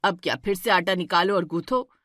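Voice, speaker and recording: A woman voicing a stern, scolding middle-aged mother-in-law in a cartoon story, firing sharp questions at her daughter-in-law. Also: lowish voice, a little fast, no echo, clean studio sound.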